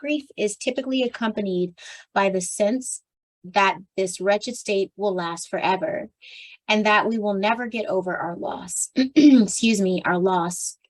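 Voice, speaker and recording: A tired, slightly strained woman reading a nonfiction book aloud for a book club, now and then clearing her throat and restarting a stumbled phrase. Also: medium pitch, a little slow, low-quality recording. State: tired, voice strained from much talking.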